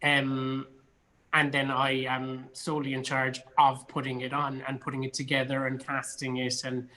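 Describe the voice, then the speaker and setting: The recording quality is low, carrying a mid-range, monotone male voice that sounds pushed and bright at a moderate pace. He's a Cork-born actor and theatre company artistic director, enthusiastically chatting as a guest in a relaxed interview.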